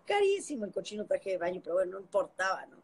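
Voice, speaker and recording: Animated Mexican woman telling a story. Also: medium pitch, fast talker, husky, poor audio. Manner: animated anecdote-telling, laughing often, acting out quoted voices. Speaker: singer telling a story on a live stream. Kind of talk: casual storytelling on a phone live stream. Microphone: phone.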